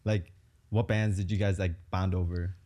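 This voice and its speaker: A man in his twenties hosting a casual interview podcast, relaxed and full of filler words. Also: low voice, moderate pace. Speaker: podcast host.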